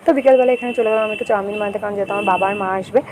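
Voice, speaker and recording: A woman's voice: mid-range voice, steady tone, racing, background noise. A young woman, narrating a daily home vlog in a chatty voice-over with frequent fillers. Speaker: vlogger.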